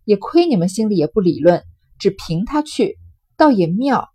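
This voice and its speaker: A woman reading aloud and voicing a greedy, scheming older sorceress-nun who feigns reluctance and haggles, in a husky voice. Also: medium pitch, sing-song, normal speed, mellow. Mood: sly. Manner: coy, feigning reluctance, then bargaining.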